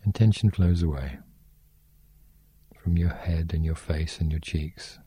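A man guiding a sleep meditation in a slow, soft, soothing way. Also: extremely low pitch, husky.

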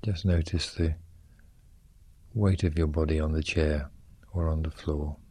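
A man leading a guided muscle relaxation exercise, giving gentle, soothing instructions in short, unhurried phrases. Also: rumbling low, fairly even intonation, slightly rough, no echo.

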